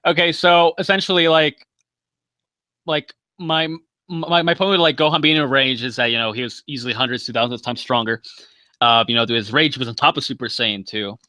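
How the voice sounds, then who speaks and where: A young man argues his side in a loose online debate, rambling through fillers and swearing as he goes. His voice is bright and forceful, and the recording is dry and close. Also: medium pitch, steady tone, a little fast, dry recording. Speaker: debate guest. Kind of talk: casual live-stream debate.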